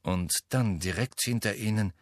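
A man reading a novel aloud as an audiobook narrator, in a measured storytelling manner. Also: lowish voice, no room sound, studio quality. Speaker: audiobook reader. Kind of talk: scripted narration.

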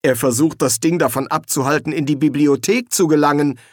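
A man's voice: fairly high pitch, steady tone, brisk, no echo, clean studio sound, voice pushed up, lightly acted. A man reading an audiobook, voicing a pompous old wizard dean who snaps and lectures. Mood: explaining. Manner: snappish, lecturing.

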